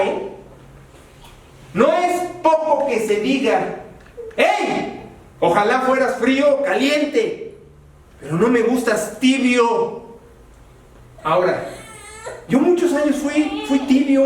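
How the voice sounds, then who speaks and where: A Mexican pastor preaches in a high, lively voice, swinging between sharp exclamations and low, quiet asides. He sounds set back from the mic. The sound rings with the heavy echo of a large church hall. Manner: animated preaching, rising to exclaim and dropping low. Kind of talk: sermon. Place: church sanctuary. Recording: echoey church hall from a distance.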